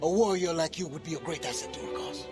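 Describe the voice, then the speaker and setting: Voicing a freed-slave community's earnest leader in a game cutscene, an actor sounds resolute as he chooses his words carefully and works in French Creole proverbs. He speaks fast in a high-leaning voice, lightly acted, with music underneath.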